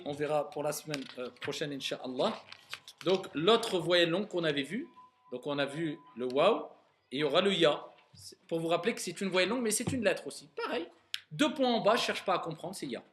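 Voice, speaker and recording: A man teaching Arabic reading to a class, patiently repeating words slowly and clearly to correct his students. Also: fairly high pitch, fairly bright tone. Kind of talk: classroom lesson.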